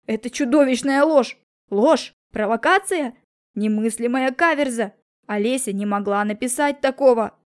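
A woman voicing an outraged middle-aged businessman father with an explosive temper, shouting in slow, heavy bursts for an audiobook. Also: medium pitch, close to an everyday voice. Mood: furious shouting. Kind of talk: audiobook character reading.

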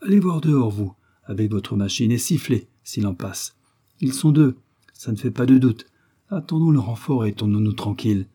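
A man's voice: mid-range voice, expressive, moderate pace, warm tone, husky. A man voicing a pompous, blustering police commissioner who barks orders in a raised voice. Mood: commanding. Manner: bossy, repeats "no doubt about it".

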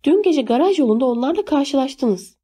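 Read by a woman, a worried mother presses her troubled son, firm and insistent, her voice lifted noticeably above the reader's own. The tone stays mellow and rounded even when she pushes hard, like a storybook scene read aloud. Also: high voice, normal speed, pitched above the performer's own voice. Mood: firm, anxious. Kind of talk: audiobook character reading.

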